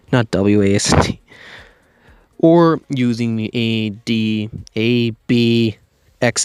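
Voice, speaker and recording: A man's voice: medium pitch, smooth, no room sound. A man giving a casual video game review, recorded under a blanket with pillows behind him, rambling and correcting himself with jokey asides. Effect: muffled, recorded under a blanket.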